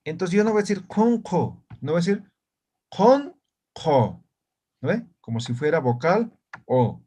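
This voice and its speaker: A man's voice: on the high side, sing-song, brisk, darkish tone. A man teaching an online language lesson, explaining step by step and often checking understanding with short tag questions.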